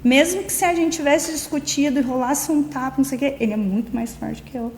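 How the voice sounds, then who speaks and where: A woman's voice: high voice, fast, darkish tone, a little hiss or hum. Mineira woman recounting her story, echoey room. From Minas Gerais, Brazil. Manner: emotional storytelling, acting out quoted dialogue. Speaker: interviewee, beautician. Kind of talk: personal account in an interview. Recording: reverberant room, faint background ambience.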